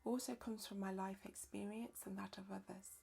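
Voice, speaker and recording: A woman leading a live-streamed yoga nidra session as teacher and therapist, speaking softly and slowly, often dropping into a whisper. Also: mid-range voice, flat delivery, vocal fry, husky. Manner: soft, slow, often whispered delivery. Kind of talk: live-streamed guided relaxation instruction.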